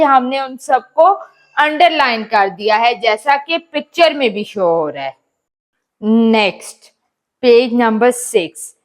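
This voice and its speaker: A woman teacher explains textbook exercises and reads English sentences slowly, word by word. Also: high-pitched. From Pakistan. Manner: switches between slow English reading and explanations in Hindi-Urdu. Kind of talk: recorded lesson explaining a textbook.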